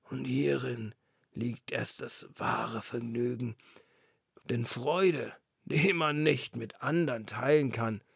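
A fretful old street lantern in a fairy tale, voiced by a man, plaintive and anxious. The tone is slow and slightly gravelly. It is recorded close and dry. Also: mid-range voice, dry recording, heavily acted. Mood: wistful.

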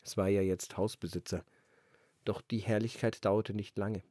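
A man reading a fairy tale aloud in a calm, expressive storytelling manner on a close mic. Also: lowish voice, normal speed, no echo. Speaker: narrator.

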